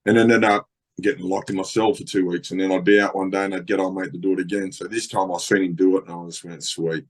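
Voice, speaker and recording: A man's voice: low-pitched, little pitch movement, fast. A middle-aged Australian man telling stories as a podcast guest, rambling, swearing a lot, with many fillers. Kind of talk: casual storytelling.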